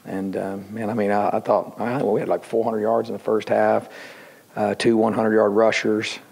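A middle-aged football coach speaks into a table microphone in an indoor press room. His low voice is gravelly and stays fairly flat. He rambles, stopping and restarting his sentences around lots of fillers. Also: normal speed. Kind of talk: post-game press conference.

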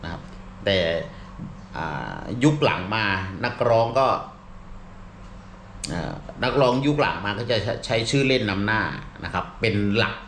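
A middle-aged male comedian talks things through in a loose, meandering way, peppering his speech with fillers and polite particles. His voice sits on the low side, and the room rings around him. A faint hum of ambience stays behind him. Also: lively intonation, measured pace, fairly bright tone, roomy sound. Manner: rambling, many fillers and restarts, polite particles. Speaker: comedian and show regular. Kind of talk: casual explanatory talk.

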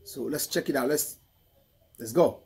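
A middle-aged man with a husky voice, reacting to a song in casual commentary and repeating phrases for emphasis. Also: medium pitch, measured pace, heavy background noise. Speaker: music reaction host. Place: indoor room, photo-covered wall. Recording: music playing faintly behind. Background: hip hop song.

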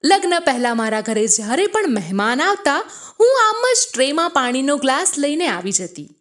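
Lively high-voiced woman telling a story. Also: normal speed. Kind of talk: first-person story narration.

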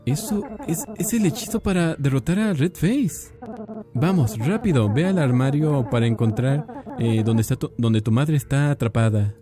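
A man's voice: medium pitch, expressive, normal speed, pitched above the performer's own voice, lightly acted. A man voicing a small, timid, apologetic doll boy brought to life by magic, over game music. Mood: urgent. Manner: apologetic, urgent.

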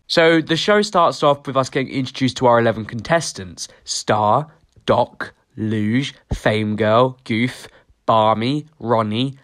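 A teenage boy narrates a reaction video in a sarcastic, mocking way, cursing casually. His voice sits at an ordinary middle pitch. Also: a bit bright. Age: teens. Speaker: YouTube commentator. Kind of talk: reaction commentary.

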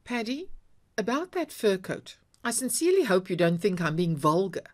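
A woman's voice: mid-range voice, sing-song, normal speed. A woman voicing a shrewd, proud middle-aged wife who talks in a coaxing, chiding way.

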